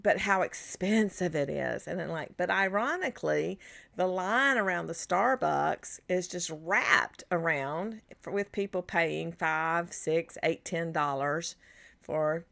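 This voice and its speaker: A woman's voice: lowish voice, takes it slowly, creaky, a bit bright. A middle-aged woman giving a chatty live-streamed coaching talk to wellness practitioners, rambling with restarts and asides. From United States. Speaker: business coach for natural health practitioners.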